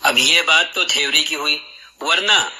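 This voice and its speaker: A man's voice: a little high, background noise. A man teaching the articulation of letters in a patient, explanatory lesson, demonstrating throat sounds aloud as he goes. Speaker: Quran recitation teacher.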